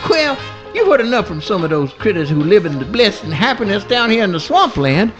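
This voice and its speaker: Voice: medium pitch, big pitch swings, brisk, fairly bright tone, dull audio, soft background music. An actor voicing a mild-mannered male possum in folksy swamp dialect with mangled grammar, in a live radio play. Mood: folksy narrating.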